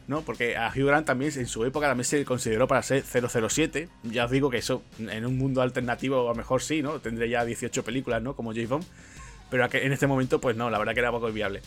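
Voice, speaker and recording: Guy hosting a film podcast, rambly storyteller, soft music behind. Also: mid-range voice. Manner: chatty storyteller, frequent fillers and asides. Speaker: podcast host. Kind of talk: casual film podcast chat.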